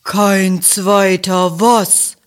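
A woman voicing a scornful female cow in a storybook reading, slow and smacking her words. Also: medium pitch, little pitch movement.

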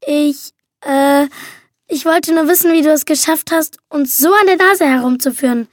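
A woman's voice: high-pitched, dry recording, clean studio sound, pitched above the performer's own voice, natural voice. A woman reader voicing a nervous teenage boy who hesitates as he stalls for time in an audiobook. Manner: hesitant, halting.

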